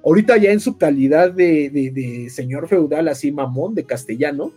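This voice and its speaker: High-voiced Mexican man telling a slangy story. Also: lively intonation, moderate pace, mellow, breathy edge, faint music behind. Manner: slangy, swearing, conversational. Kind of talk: casual, animated story recap with acted-out dialogue.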